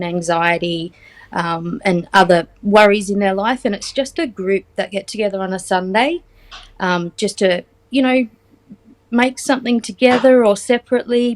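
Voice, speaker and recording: An Australian woman in her forties talks as an interview guest. She is chatty and unhurried, with frequent ums and a light teasing humor. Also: mid-range voice. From Australia, Central West New South Wales. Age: 40s. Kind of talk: casual interview chat.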